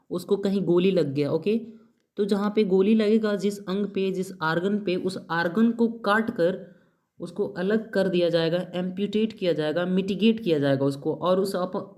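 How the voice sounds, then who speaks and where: A man's voice: high-pitched, a little mellow. A man teaching an exam-prep vocabulary lesson, spelling words out letter by letter and asking questions that he answers himself. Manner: asks the class a question, then answers it himself; mixes in English words and spells them out letter by letter. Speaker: English teacher.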